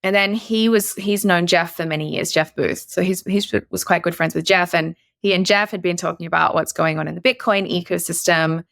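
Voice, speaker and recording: A woman's voice: fairly low pitch, brisk, gravelly, few pauses, a bit bright, no room sound, clean studio sound. A woman from Australia, a guest investor on a podcast interview, chatty with many fillers and restarts.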